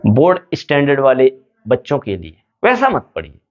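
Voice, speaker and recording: A man giving students study advice like a teacher, his pitch rising and falling a lot. He asks a question and answers it himself, and the recording sounds dull and lo-fi. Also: huge pitch swings, moderate pace. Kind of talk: motivational study talk to students.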